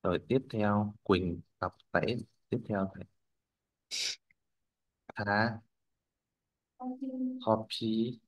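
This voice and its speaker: A man's voice: fairly low pitch, steady tone, extremely slow, long pauses, dull audio. A male language teacher, leading a classroom pronunciation drill. He models words, corrects students, and keeps checking that they follow.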